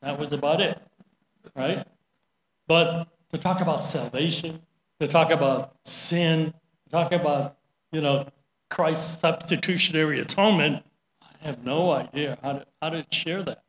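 A man's voice: fairly high pitch, measured pace. A middle-aged man giving a sermon, telling a story in a chatty way with many "right?" asides. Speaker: preacher. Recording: roomy echo.

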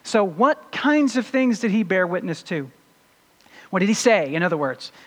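High-voiced pastor preaching in a reverberant hall. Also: male voice, very animated, moderate pace, a bit bright. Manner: teaching, poses rhetorical questions and answers them. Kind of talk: sermon. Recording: long reverb of a large hall.

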